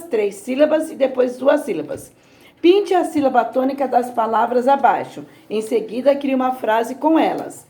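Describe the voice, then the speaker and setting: Brazilian teacher, slow, sounding out words. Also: female voice, on the high side, vocal fry, warm tone. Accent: Brazilian Portuguese. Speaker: primary school teacher. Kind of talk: recorded lesson for young children.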